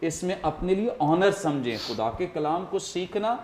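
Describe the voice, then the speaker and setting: A man's voice: high voice, lively intonation, a little mellow, a little hiss or hum. A man hosting a studio talk show, explaining earnestly and often using fillers. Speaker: host.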